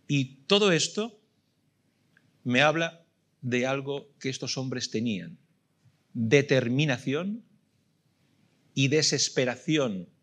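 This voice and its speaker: A man's voice: mid-range voice, expressive, slow pace, pauses often, fairly bright tone. A middle-aged man with a Spanish accent from Spain preaching a sermon, emphatic and full of rhetorical questions that he repeats for weight. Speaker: pastor.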